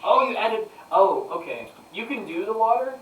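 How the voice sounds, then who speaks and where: A man chatting casually while building in a game with friends, upbeat and quick to laugh, reading viewers' comments aloud. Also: high-pitched. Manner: upbeat, laughs easily, animated. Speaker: streamer reading chat. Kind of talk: casual gaming chat. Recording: echoey, distant, faint noise.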